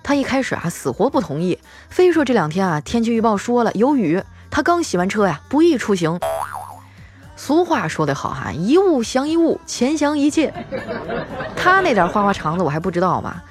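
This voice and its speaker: A woman's voice: medium pitch, very animated, normal speed, soft background music. A female host telling scripted comic stories in a playful way, chuckling between jokes.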